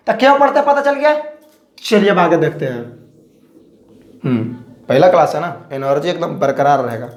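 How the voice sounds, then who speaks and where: A male teacher with a Bihari Hindi accent, giving a classroom lecture in a lively, joking, repetitive way. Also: high-pitched, roomy sound.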